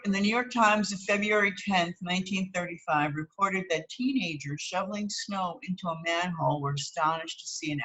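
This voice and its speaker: A woman with a slightly bright voice on the low side reads an article aloud like a teacher. She pauses for plain explanatory asides and checks that listeners follow, using tags like "okay" and "right." The audio quality is poor.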